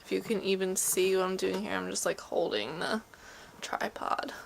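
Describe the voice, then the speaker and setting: A sick woman with a stuffy nose and a sore throat, chatting casually to camera at home in a rambling, soft-hearted way. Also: medium pitch, steady tone, normal speed, gravelly, very noisy. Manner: rambling, soft-hearted talk to pets and objects. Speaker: vlogger. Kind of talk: casual chat to camera, sick day vlog. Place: at home in a bedroom.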